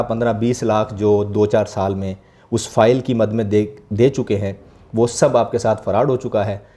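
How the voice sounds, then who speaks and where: A male host delivers an earnest, accusing investigative report. His voice is mellow and relaxed in timbre. He sits at a middling pitch for a man.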